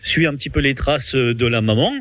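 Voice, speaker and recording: A man's voice: medium pitch, a little fast, a bit bright, no echo. A man hosting a radio interview, talking hesitantly with many restarts and frequent laughter. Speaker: radio host.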